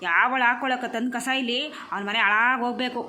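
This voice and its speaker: A woman's voice: fairly high pitch, steady tone, fairly quick, a little hiss or hum. A woman voicing a quarrelsome homeowner in a cartoon comedy, scolding and cursing her neighbours. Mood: furious. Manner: scolding, shouting curses at neighbours.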